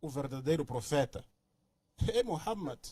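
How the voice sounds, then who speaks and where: A man arguing in a religious debate, speaking loudly, close to shouting. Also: fairly high pitch, animated, moderate pace, breathy edge, no echo. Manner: loud, near-shouting delivery.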